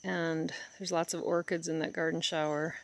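A woman walking through her garden, recording on a phone and pointing out the plants in an unhurried way. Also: sits low, flat delivery, gravelly. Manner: unhurried, pointing things out as she walks. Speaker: gardener giving a tour. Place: outdoor garden. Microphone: handheld phone, speaker behind camera. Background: crickets and outdoor ambience.

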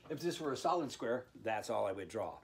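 A man's voice: medium pitch, animated, brisk, creaky. A man in his sixties giving an informal, folksy drawing lesson for kids, playfully dropping in little sound words as he demonstrates. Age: 60s. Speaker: art teacher hosting a drawing tutorial channel for kids. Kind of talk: informal instructional talk while drawing. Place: indoor room with art on the wall.

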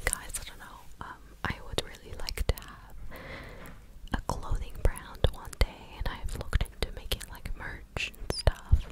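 A woman in her twenties chatting casually in a breathy, close-up ASMR whisper, right up at the microphone as if into the listener's ear. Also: poor audio. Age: 20s. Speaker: ASMR content creator. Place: living room indoors. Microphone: large USB microphone very close to the mouth.

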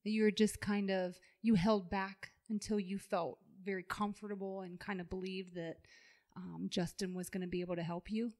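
A woman's voice: medium pitch, little pitch movement, moderate pace, darkish tone. A woman interviewing guests in a friendly conversational way, asking follow-up questions and laughing easily.

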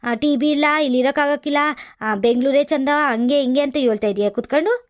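A woman playing a sharp-tongued older village mother-in-law who scolds and nags with sarcasm, in a comedy skit. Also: sits high, a little fast, natural voice. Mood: scolding.

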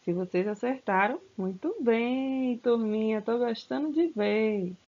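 Slow, patient woman teacher. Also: on the high side. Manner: slow, stretched-out words, coaxing pupils with questions. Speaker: school teacher. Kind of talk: recorded online grammar lesson for children. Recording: slightly dull, lo-fi sound.

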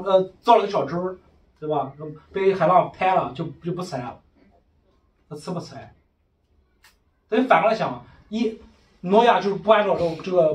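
Fast, high-voiced man preaching in an echoey room. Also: a little mellow, dull audio. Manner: emphatic, fires rhetorical questions. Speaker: preacher leading a discussion. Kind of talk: casual religious discussion. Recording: echoey room, far from mic.

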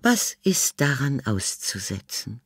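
A woman's voice: extremely low pitch, sing-song, slow, husky, no room sound, studio quality, voice pushed up, full character voice. A woman voicing a haughty, disdainful elderly English lady in an audiobook reading. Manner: indignant, disdainful.

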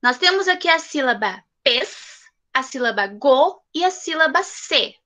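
A woman leads a video-call lesson for young children. Her high, bright voice is affectionate and coaxing, and she drags out syllables to make each sound clear. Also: expressive, measured pace. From southern Brazil. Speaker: primary school teacher. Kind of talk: online class with young children.

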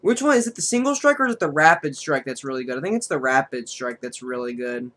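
A man streaming a card game, thinking aloud about his moves and counting damage out loud as he plays. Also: mid-range voice, expressive, quick pace. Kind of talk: live gameplay commentary.

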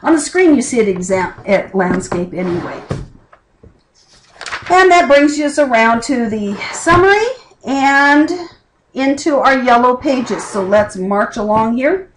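A middle-aged college instructor teaches a recorded class over video from her home desk, where a keyboard and lamp sit under the camera that serves as her mic. Her voice is a little high and lively in intonation, her pace a bit slow, and she talks in a chatty, plain-spoken way with asides. The audio is poor, with a slight hiss or hum.

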